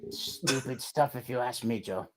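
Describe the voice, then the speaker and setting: A podcast host putting on the voice of a boastful middle-aged man who used to be a high roller, gruff and mumbling. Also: normal speed, natural voice. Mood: grumbling.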